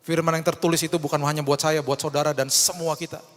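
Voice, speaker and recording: Animated preacher man in a reverberant hall. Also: fast talker. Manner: animated, acts out quoted voices with sudden high jumps. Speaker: pastor. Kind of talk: evening devotional sermon.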